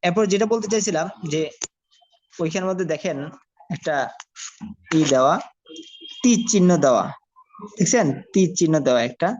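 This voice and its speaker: A woman teaching a religious recitation lesson, drawing the recited verses out slowly between quicker explanations. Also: on the low side, animated, darkish tone, a little hiss or hum. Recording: dry, dull lo-fi audio.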